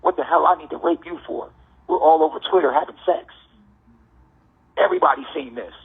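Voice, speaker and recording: A man's voice: a little high, wildly swooping pitch, brisk, vocal fry, slightly rough. A man calling from jail on a prison phone, ranting in an insistent, preachy way and repeating himself. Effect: prison phone call. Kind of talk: heated ranting monologue. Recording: tinny prison phone line.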